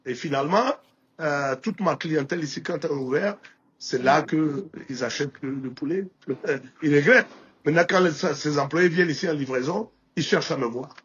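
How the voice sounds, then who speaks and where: In a muffled recording, a Burkinabé entrepreneur speaks in a husky, a bit bright, slightly high voice at a brisk pace. He tells anecdotes in a casual interview with a Burkinabé French accent, frequently restarting and filling pauses.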